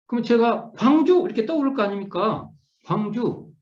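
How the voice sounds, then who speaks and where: In an echoey room with dull, lo-fi sound, a middle-aged Won Buddhist minister lectures on scripture online. His very high, expressive voice has a darkish tone and a moderate pace. He thinks aloud as he explains, frequently restarting and repeating key words.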